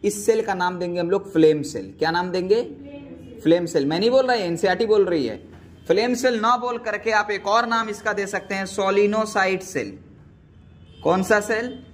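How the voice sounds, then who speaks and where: This biology teacher has a high voice and a moderate pace, with a little hiss or hum in the audio. Lecturing his class, he asks repeated questions and affectionately addresses students as "beta."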